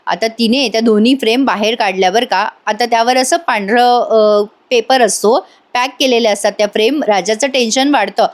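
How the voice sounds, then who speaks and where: A woman's voice: on the high side, moderate pace. A woman hosting a casual voice-over recap, telling the story in a chatty way and speaking directly to viewers. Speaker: serial review host.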